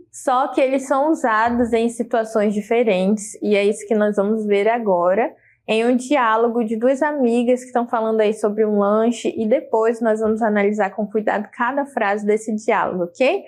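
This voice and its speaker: A woman's voice: on the high side, fairly even intonation, normal speed, darkish tone. Patient Brazilian woman teaching English grammar. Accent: Brazilian Portuguese. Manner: patient, explanatory, checks in with "né?" and "ok?". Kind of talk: classroom lesson explaining grammar.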